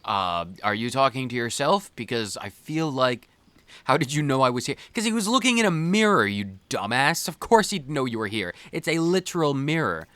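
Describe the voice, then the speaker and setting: A man's voice: medium pitch, very animated, moderate pace, fairly bright tone, clean tone, dry recording. A man hosting a gaming video with casual, rambling commentary, jokingly talking back to the characters. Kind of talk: casual let's play commentary.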